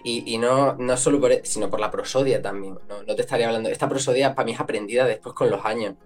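A man's voice: mid-range voice, soft background music. A man from Extremadura with an Extremaduran accent, a guest explaining eagerly in a casual interview. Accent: Extremaduran Spanish. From northwestern Cáceres, Extremadura. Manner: fast, animated explaining with many fillers. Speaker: guest, language content creator.

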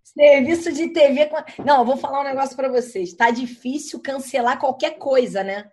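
A woman guest on a podcast, telling stories in an animated, chatty way and swearing now and then. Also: high voice, moderate pace. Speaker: podcast guest, content creator. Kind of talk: casual chat.

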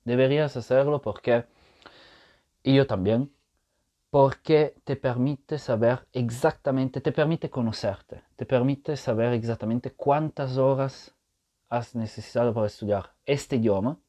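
On his casual solo podcast, a man patiently lays out his point and keeps checking in with the listener, speaking Spanish that he learned rather than grew up with. His voice is mid-range and mellow, at a measured pace.

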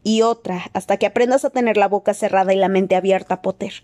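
A woman's voice: medium pitch, steady tone, fast talker, mellow, natural voice. A woman voicing a scornful, stern male professor in an audiobook, speaking in a taunting, sneering way. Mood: mocking.

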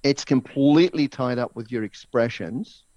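A man's voice: mid-range voice, moderate pace, a little mellow, dry recording. A man being interviewed as a language educator, telling anecdotes and explaining ideas, often checking in with "right?". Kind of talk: storytelling in conversation. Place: office in Hong Kong. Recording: dull, dry, lo-fi sound.

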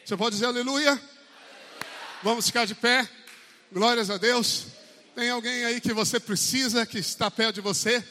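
A man's voice: very high voice, fairly even intonation, moderate pace, long pauses, bright, forceful tone, a little hiss or hum. A man preaching a sermon in a church service, with a Brazilian Portuguese accent, emphatic and often calling for amens. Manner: emphatic, calls out for amens, acts out quotes. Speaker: pastor. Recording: long church hall reverb.

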